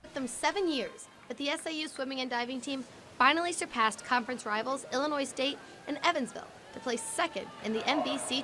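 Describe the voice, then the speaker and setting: A woman's voice: high-pitched, noisy background. A young woman reporting a student news story in scripted narration, with an upbeat, punny delivery.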